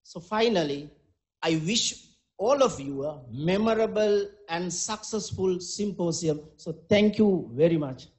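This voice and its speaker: High-pitched Sri Lankan man, formal welcome speech. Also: animated, unhurried, a little mellow. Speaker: faculty dean giving a welcome address.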